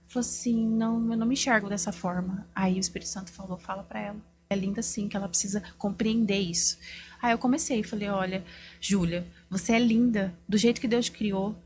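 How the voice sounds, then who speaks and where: A woman giving a heartfelt, faith-filled testimony as an image consultant on a podcast. She tells her story in a lively way and acts out the dialogue she remembers. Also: medium pitch. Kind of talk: personal testimony in a podcast interview.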